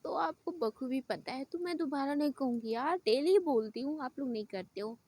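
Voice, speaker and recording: Female storyteller, high voice, casual and chatty retelling. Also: lively intonation, normal speed, dark tone, no room sound.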